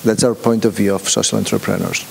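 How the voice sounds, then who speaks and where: Speaking in a reverberant conference room, a man with a lowish, creaky voice and fairly even intonation gives an informal workshop talk. He hesitates a lot, restarting sentences, filling gaps, and posing questions to those present. The audio has long hall reverb and a faint hiss.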